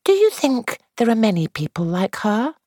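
A woman's voice: fairly high pitch, big pitch swings, moderate pace, dark tone, dry recording, clean studio sound, pitched above the performer's own voice. A woman reading aloud and voicing a young actress who sounds anxious, dramatic and confiding. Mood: worried.

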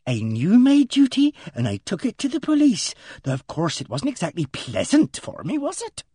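A man voicing a simpering, gossipy middle-aged female office clerk, speaking slowly in a breathy, sibilant way. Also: high voice, huge pitch swings, warm tone, no echo, studio quality, voice pushed up, heavily acted. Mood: prim, relishing.

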